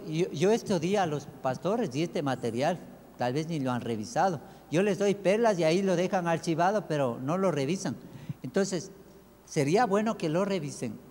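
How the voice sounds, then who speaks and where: High-voiced pastor preaching in an echoey hall. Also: male voice, darkish tone. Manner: emphatic preaching with rhetorical questions. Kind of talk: sermon. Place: church.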